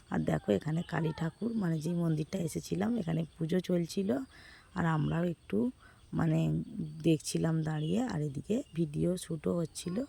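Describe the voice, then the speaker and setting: A hoarse woman from West Bengal narrating her casual vlog outdoors, chatting with viewers as friends. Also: on the low side, warm tone, slight background noise. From West Bengal, India. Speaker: vlogger.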